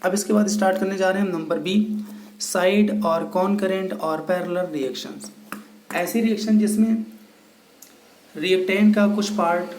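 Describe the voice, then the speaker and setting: A high-voiced male teacher gives a step-by-step chemistry lecture, asking his students questions and answering them himself. He calls them children and mixes English terms into his Hindi. The sound is roomy and echoey, with a faint hum of ambience behind him. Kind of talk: recorded classroom lecture.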